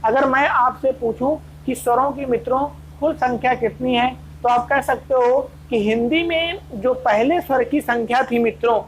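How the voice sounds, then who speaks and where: Lady teacher, kinda high voice, asks questions then answers them herself, faint hum behind. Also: poor audio. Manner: addresses students as friends. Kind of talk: exam-prep grammar lesson.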